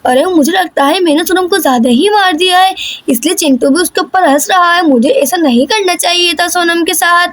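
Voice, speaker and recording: A woman's voice: very high-pitched, a little fast, a bit bright. A woman voicing a scolding village mother in a cartoon.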